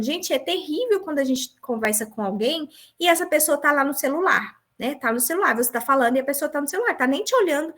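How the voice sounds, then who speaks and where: A woman with a high-pitched voice teaches a conversational class. She talks earnestly and personally, often tagging her sentences with a questioning "né?". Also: fairly bright tone. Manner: earnest, with frequent rhetorical "né?". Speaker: teacher leading an online class.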